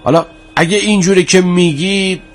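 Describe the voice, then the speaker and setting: An actor playing a younger bazaar shopkeeper in a drama, bargaining but good-hearted, colloquial and courteous. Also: male voice, high-pitched, soft background music, lightly acted. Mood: haggling. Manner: colloquial, street-wise, courteous.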